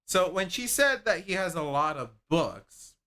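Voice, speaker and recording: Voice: medium pitch, very animated, a little slow, sharp tone. A streamer chatting casually and laughing while playing a game on a live stream, rambling with restarts.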